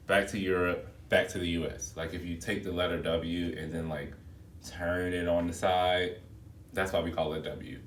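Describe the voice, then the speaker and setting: Speaking in a low-pitched voice with a little hiss or hum underneath, a flight attendant vlogger chats casually to his viewers and calls them y'all. He's chatty and expressive. The phone video was recorded in an echoey room, the mic held back at a distance.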